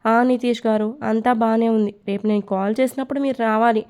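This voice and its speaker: A woman's voice: a little high, fairly even intonation, brisk, darkish tone, clean tone, close to an everyday voice. A woman voicing a flustered young woman in love.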